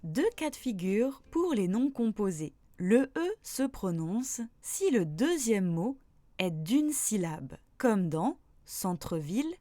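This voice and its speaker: A woman teaching a pronunciation lesson, saying each example word slowly and deliberately. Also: mid-range voice, very animated, mellow, no room sound. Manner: slow, deliberate, spells out example words. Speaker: French teacher.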